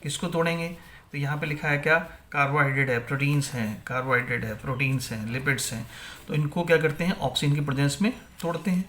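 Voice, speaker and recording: A man's voice: fairly high pitch, fast talker, a bit bright, a little hiss or hum. A male biology teacher gives an exam-prep lecture, asking questions and answering them himself, and mixing English terms into Hindi.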